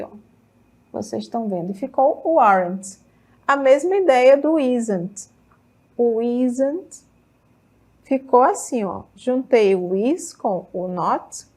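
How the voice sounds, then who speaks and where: Slow, patient Brazilian woman teacher. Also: a little high, a little mellow. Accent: Brazilian Portuguese. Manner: patient, explains step by step with frequent checks like "tudo bem?"; reads English examples slowly and carefully. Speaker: English teacher. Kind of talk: televised classroom lesson.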